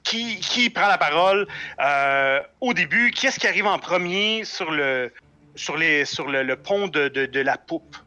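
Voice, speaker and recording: A man improvising as a tabletop game master, haltingly repeating phrases as he searches for words. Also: on the high side, animated, sharp tone.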